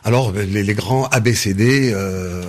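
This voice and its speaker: Older guy from senegal, low husky voice, lots of ums and restarts, taking his time answering. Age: 60s. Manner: measured, many hesitations and restarts. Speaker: interview guest, business founder. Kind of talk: interview answers.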